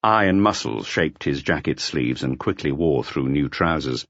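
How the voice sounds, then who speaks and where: A low-voiced male narrator reads a scripted mystery novel for an audiobook. His measured yet expressive delivery ranges widely in pitch, and the recording is dry, slightly dull and free of echo.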